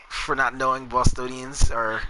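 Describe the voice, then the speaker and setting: A New Jersey man with a matching accent streams his gameplay, rambling and chatting with viewers as he narrates. His medium-pitched voice is bright and forceful. Game music plays behind him, and the poor audio carries slight background noise.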